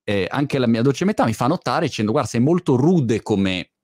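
A man in his forties hosting a casual chat, telling stories in a lively, animated way. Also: mid-range voice, normal speed, dry recording, clean studio sound. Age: 40s. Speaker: host.

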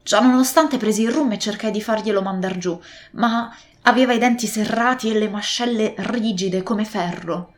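A woman's voice: mid-range voice, moderate pace. Woman narrating a classic adventure tale. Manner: steady, expressive storytelling. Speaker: audiobook narrator. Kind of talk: scripted narration of a classic novel.

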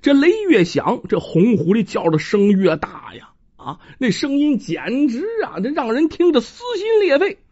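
A storyteller telling a folk tale in a lively, dramatic manner, with spoken sound effects, on a dull lo-fi recording. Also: medium pitch, normal speed, husky. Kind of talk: traditional oral storytelling.

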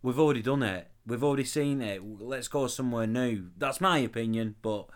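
A man's voice: mid-range voice, fairly quick. A man co-hosting a casual podcast chat, eagerly sharing trivia. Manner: chatty, shares trivia with relish. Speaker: podcast co-host.

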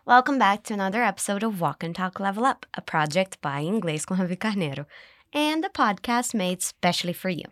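Woman host, English teacher, animated pitch, dry close mic, spells out phrases slowly. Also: no room sound. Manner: cheerful, slow model phrases to repeat. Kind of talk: scripted language lesson.

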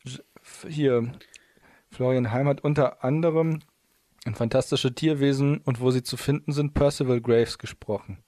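Playful guy reading stuff out loud, keeps tripping over words, dry close sound. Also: mid-range voice, steady tone, moderate pace, dry recording. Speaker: podcast co-host. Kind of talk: casual chat, reading aloud from an article.

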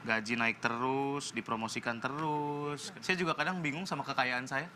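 A man's voice: on the high side, expressive, normal speed, pushed and bright, a little hiss or hum. A man playing a bragging bank manager. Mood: smug. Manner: smug, bragging, mock-modest. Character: boastful young bank manager, fake-humble. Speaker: comic actor. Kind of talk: comedy sketch.

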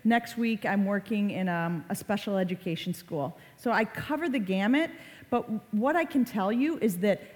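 A woman in her forties giving a live safety talk to parents and kids, conversational and lively, acting out family exchanges. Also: medium pitch, normal speed. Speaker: child safety presenter. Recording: long hall reverb.

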